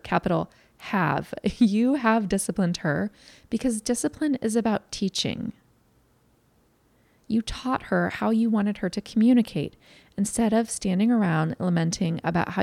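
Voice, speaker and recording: A woman with a gravelly, mellow voice gives parenting advice to other parents. She talks in an earnest, candid, conversational way, and the sound is close and dry. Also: medium pitch, no echo. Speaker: parenting educator. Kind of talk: talk to parents.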